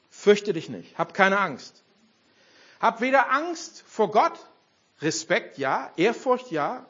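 An older man preaching a sermon, animated and throwing rhetorical questions at the congregation. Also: high voice, slightly rough. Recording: dull lo-fi sound.

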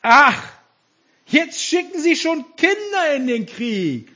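Man reading out a boastful giant warrior, loud scornful taunts, high animated voice, husky tone, dull muffled sound. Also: unhurried, exaggerated voice. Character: mocking giant warrior Goliath, boastful and brutal.

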